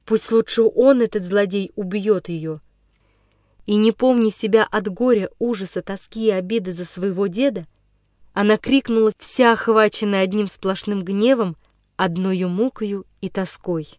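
A woman narrating a classic children's story as an audiobook, in a measured, dramatic storytelling manner. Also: mid-range voice, darkish tone, dry recording, clean studio sound.

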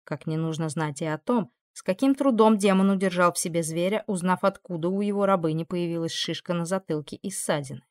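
A woman's voice: on the low side, darkish tone, dry recording, studio quality. Woman reading a fantasy novel aloud. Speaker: narrator. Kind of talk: audiobook narration.

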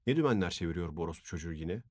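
A man's voice: deep voice, lively intonation, rapid-fire, darkish tone, dry recording, clean studio sound. A male audiobook reader voicing a brash, crude drunken woman in a coarse, mocking way. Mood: scornful.

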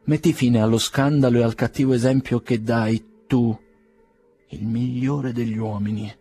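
A man voicing a proud, ailing aristocrat nearly fifty, speaking in a measured, solemn, quiet way. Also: medium pitch, steady tone, breathy edge, faint music behind.

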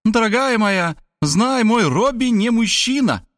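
A man putting on a shrill bossy mother. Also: lively intonation, moderate pace, a bit bright, no room sound, clean studio sound. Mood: triumphant. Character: loud domineering older mother, scolding.

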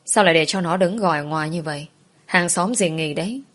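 A woman voicing an elderly, understanding grandmother who speaks softly and patiently in a storybook tale. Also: lowish voice, a little fast. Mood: coaxing.

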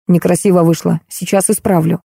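A woman's voice: fairly low pitch, steady tone, brisk, dark tone, no echo, clean studio sound. A woman voicing a clumsy, blunt man who grumbles and then defends himself, barely changing her own voice. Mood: plain. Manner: gruff, defensive. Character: flustered male driver, clumsy and blunt.

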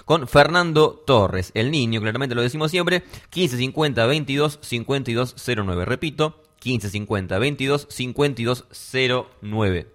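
Argentine guy hosting sports radio, average pitch, laid back, asks the panel stuff. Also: lively intonation, normal speed, hardly any pauses, fairly bright tone. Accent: Argentine Spanish. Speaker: radio show host. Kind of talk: casual sports radio chat.

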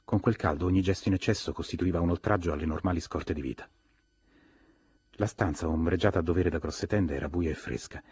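A man reading a novel aloud in measured, even narration for an audiobook. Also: extremely low pitch, breathy edge, no room sound. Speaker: audiobook reader. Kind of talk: scripted narration.

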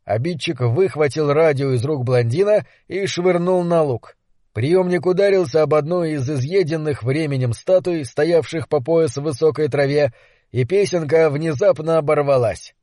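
Man reading a fantasy audiobook, slightly high voice, steady, dry. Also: moderate pace, no echo. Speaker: audiobook narrator. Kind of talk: scripted narration.

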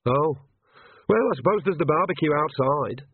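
A man voicing a dry, deadpan young woman close to his own voice. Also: on the high side, normal speed, husky, no echo, pitched above the performer's own voice. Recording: tinny phone-like line.

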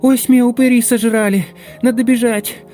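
A shrill, frightened young lad, as a man puts him on, his voice pitched far above a grown man's. He pleads and wails in a tearful lament, desperate and shaken, in an audiobook tale. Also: level tone, moderate pace, dark tone, soft background music. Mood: panicked shouting.

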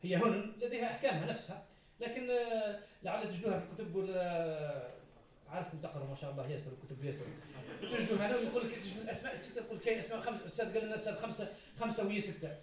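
A man's voice: high voice, rapid-fire, slight background noise. A man teaching a grammar class, explaining through many examples and questions to the students. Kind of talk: classroom lecture. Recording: roomy echo, from far off.

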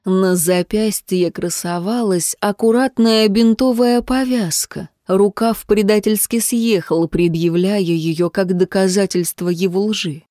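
A woman narrating a romance novel as an audiobook, in an expressive, dramatic reading. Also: medium pitch, a little slow, few pauses, no echo, studio quality.

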